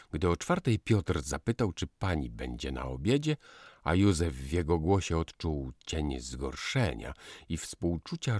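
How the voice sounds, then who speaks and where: Deep, husky male storyteller. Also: no room sound, studio quality. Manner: expressive, unhurried storytelling. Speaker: audiobook narrator. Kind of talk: scripted narration.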